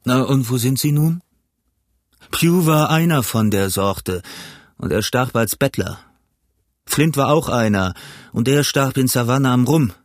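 A man voicing a cunning older pirate cook who talks in a gruff, blustering, lecturing way, in an audiobook reading. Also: mid-range voice, animated, a little slow, pauses often, dry recording, clean studio sound, natural voice. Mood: scheming.

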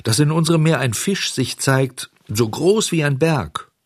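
A man voicing a gang of cheeky schoolboy rascals who shout and mock, in an audiobook reading. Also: on the high side, lively intonation, measured pace, breathy edge, no echo, clean studio sound, voice pushed up. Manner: shouting, mocking.

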